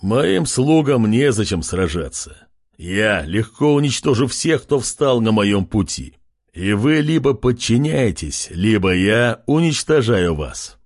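A man voicing an arrogant male tentacled king in a fantasy audiobook, slow, pompous and menacing, with a husky voice. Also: fairly low pitch, sing-song, darkish tone, full character voice. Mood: haughty.

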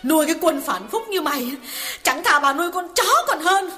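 Shrill, cursing betrayed wife near thirty, high and sharp. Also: male voice, lively intonation, fairly quick, full character voice. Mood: bitter. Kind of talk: audiobook character voice.

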